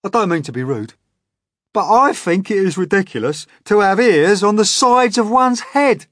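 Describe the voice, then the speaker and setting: A man voicing a rude, scornful centipede who mocks loudly. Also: high-pitched, lively intonation, moderate pace, no room sound, studio quality, pitched above the performer's own voice. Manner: mocking, loud, rambunctious.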